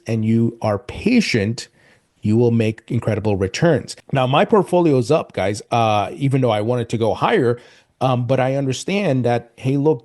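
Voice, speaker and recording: Upbeat mellow-voiced man hosting crypto news. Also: medium pitch. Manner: upbeat, keeps addressing viewers as "guys". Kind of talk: casual commentary to camera.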